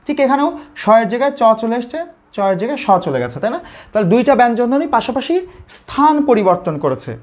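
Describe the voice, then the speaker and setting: Bangladeshi teacher drilling grammar questions. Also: male voice, extremely high pitch, very animated, a little fast. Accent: Bangladeshi Bengali. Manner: repeats questions and answers them himself. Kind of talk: live online grammar lesson. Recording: slightly dull lo-fi audio.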